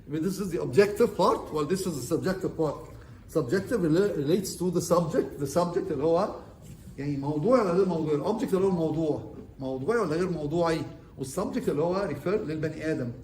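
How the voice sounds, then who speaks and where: A fast-talking Egyptian man with a slightly high voice lectures interns as their surgeon. He quizzes the room and switches between Arabic and English terms. The recording is roomy and echoey, with faint ambience underneath. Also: lively intonation, a little mellow, slight background noise. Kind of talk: orientation lecture.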